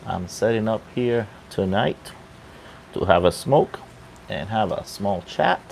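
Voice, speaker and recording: A man talking casually off the cuff on a livestream, halting and unhurried, keeping his voice down outdoors on a balcony. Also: fairly low pitch, expressive, creaky. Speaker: livestream host and pipe hobbyist. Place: outdoor balcony at night near a pool. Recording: faint water noise in background.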